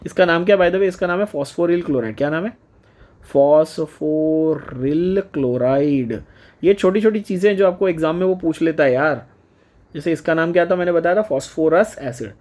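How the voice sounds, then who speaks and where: A man's voice: high voice, fast, darkish tone. A man teaching a chemistry lecture in a mix of Hindi and English, chatty and coaxing, repeating each point as a question to his students.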